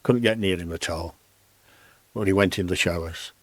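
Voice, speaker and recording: A man's voice: low voice, normal speed, no echo. A man, telling rambling stories as a podcast guest. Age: 80s. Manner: rambling, lively anecdotes with restarts. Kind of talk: storytelling in casual conversation.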